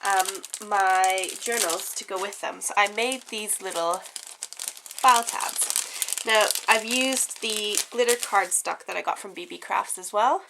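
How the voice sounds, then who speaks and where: A young craft vlogger with a stuffy head cold chats casually and giggles through a show-and-tell at home, saying lots of ums. Her mid-range voice is a little slow with vocal fry, and background noise is audible.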